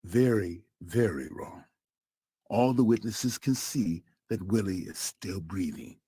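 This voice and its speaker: A man narrating a true story in a scripted, dramatic storytelling style, slowing down for emphatic pauses. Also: fairly low pitch, dark tone, slightly rough, dry recording.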